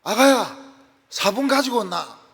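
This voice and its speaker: A man voicing a bossy older mother-in-law with a Gyeongsang accent, calling out orders loudly. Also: very high-pitched, animated, a little slow, creaky, slightly rough, voice pushed up, exaggerated voice. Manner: loud, commanding calls. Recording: echoey church hall.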